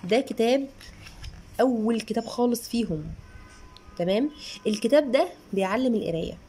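A woman's voice: a little high, animated, mellow. Egyptian mom in her 30s, casual review vlog, chatty and earnest, faint background noise. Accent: Egyptian Arabic. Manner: chatty, earnest, slowly sounds out syllables. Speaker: mother reviewing children's books.

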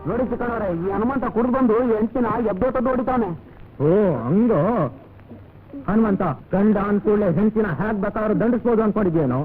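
An actor playing an outspoken village neighbor with a husky voice who scolds the drunkard in rustic speech, in a radio drama. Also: male voice, high voice, soft background music. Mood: indignant. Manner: brisk, scolding, rustic dialect. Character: outspoken village neighbor, middle-aged man. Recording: tinny lo-fi audio.

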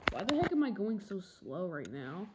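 A woman's voice: medium pitch, big pitch swings, moderate pace. A young player voicing toy race cars on a carpet, switching between playful character voices, recorded on a handheld phone. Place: carpeted room indoors. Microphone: handheld phone camera. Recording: loud handling noise from phone.

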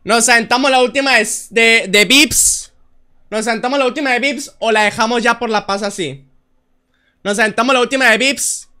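A young man, hosting a drawing game on stream in a playful, teasing way, shouting out the answers. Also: extremely high pitch, normal speed, clean tone. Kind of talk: casual game-stream chat.

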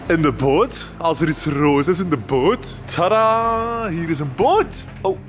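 A man's voice: on the high side, slow, soft background music. A man chatting casually and commenting as he films a vlog. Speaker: vlogger filming a hide-and-seek game. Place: large industrial hall indoors.

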